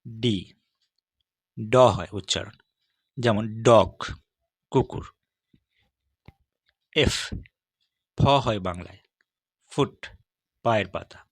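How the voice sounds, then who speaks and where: Male teacher, lowish voice, dry close recording, measured letter-by-letter explanation. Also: no room sound. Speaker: English teacher. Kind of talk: scripted lesson on English consonant sounds.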